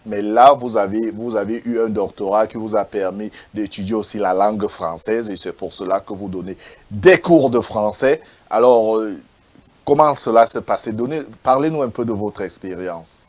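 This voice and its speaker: A man's voice: on the low side, normal speed. A man hosting an interview, stammering and repeating words with many fillers as he asks questions. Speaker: interviewer, host.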